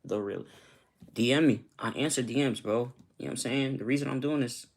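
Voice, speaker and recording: On a laid-back livestream, a Costa Rican man who makes YouTube videos talks casually with his audience and keeps asking "you know what I'm saying." He speaks briskly in a medium-pitched, creaky voice.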